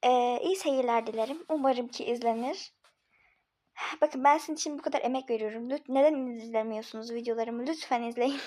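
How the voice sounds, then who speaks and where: A woman's voice: on the high side, a little fast, darkish tone. A woman hosting her own channel, giving a casual video intro and pleading with viewers to watch. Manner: pleading, talks straight to viewers. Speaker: channel host.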